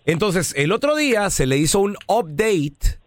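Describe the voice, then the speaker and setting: Mexican male co-host, high lively voice, comic storyteller, faint music. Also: measured pace, no room sound. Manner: animated anecdote-telling, mock whining. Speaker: radio co-host. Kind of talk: storytelling radio banter.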